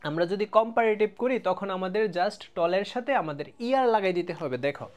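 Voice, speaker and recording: A man teaching an English grammar lesson in a casual video, explaining step by step, checking that students follow, and drawing out example words slowly. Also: sits high, lively intonation. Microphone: close mic, writing on a board.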